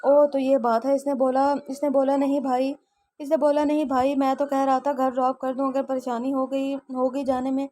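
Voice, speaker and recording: Woman narrator, high voice, monotone delivery, audio novel reading, stumbles and corrects herself, faint background hiss. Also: moderate pace. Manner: reads all characters in her own voice, with frequent slips and self-corrections. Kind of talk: audio novel read-aloud.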